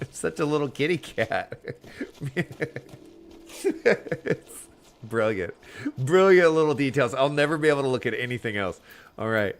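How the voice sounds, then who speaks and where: A man's voice: mid-range voice, lively intonation, takes it slowly, pauses often, a little hiss or hum. A man giving casual live commentary as a game streamer, chatty and wry.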